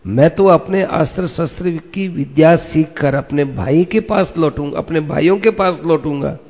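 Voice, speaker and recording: A man doing a soft, humble young warrior. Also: on the high side, normal speed. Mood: reverent. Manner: soft, reverent, pleading. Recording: echoey, dull lo-fi recording.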